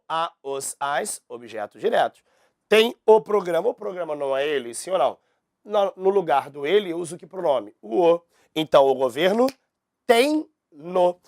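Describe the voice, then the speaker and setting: A man's voice: on the high side, no echo. A man teaches grammar with a slightly raised voice. He keeps firing questions at his class and answers each one himself. The sound is close and dry, with no room around it. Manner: lively, asks the class questions and answers them. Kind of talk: grammar lesson to camera.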